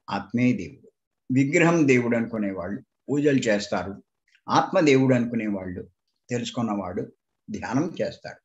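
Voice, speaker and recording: A man's voice: mid-range voice, a little mellow. A man gives a spiritual discourse, telling a parable and often asking the listeners to stop and think. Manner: questions the listeners and tells them to think; storytelling, acting out the people in his story. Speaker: spiritual teacher. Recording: dull lo-fi recording.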